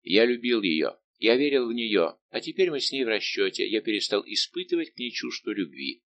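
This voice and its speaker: A man's voice: mid-range voice, big pitch swings, brisk, a bit bright. A man voicing a bitter young nobleman. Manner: bitter, restrained, formal.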